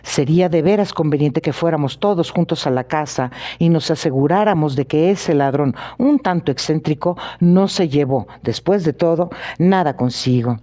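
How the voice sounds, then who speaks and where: A polite, sharp-minded detective asks his questions in an even, measured way, read by a man. The voice sits a little high yet sounds mellow and warm, and every detail is weighed in this audiobook reading. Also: natural voice. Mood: calm probing. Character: sharp, precise male detective, calmly probing.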